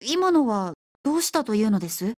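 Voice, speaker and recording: A woman's voice: a little high, sing-song, a little fast, no echo, studio quality. A woman voicing a curious man from the past, asking eager and polite questions in an audiobook reading. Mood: wondering.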